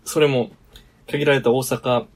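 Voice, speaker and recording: Husky Kansai man telling a story. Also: mid-range voice, unhurried. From Kyoto Prefecture. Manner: storytelling, animated, laughs often. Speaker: podcast co-host. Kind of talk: casual chat.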